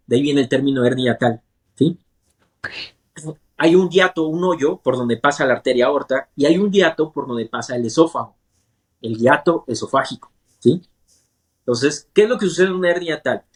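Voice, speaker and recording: A man's voice: on the high side, moderate pace, long pauses, slightly rough. A man, a gastrointestinal surgeon, explains medical ideas in plain terms as an interview guest. He speaks in a patient, teacherly way and often checks that he is understood.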